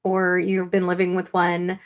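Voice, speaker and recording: A woman's voice: lowish voice, monotone, measured pace. A woman co-hosting a podcast, speaking earnestly and frankly, often repeating words as she thinks. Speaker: podcast co-host. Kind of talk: casual podcast chat.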